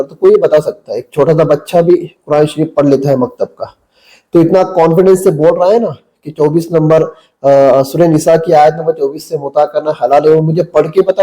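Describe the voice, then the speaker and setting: A man's voice: fairly high pitch, mellow, poor audio. A male mufti giving a religious talk to camera, telling a story and then preaching in a blunt, combative, lecturing way. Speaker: mufti, Islamic cleric.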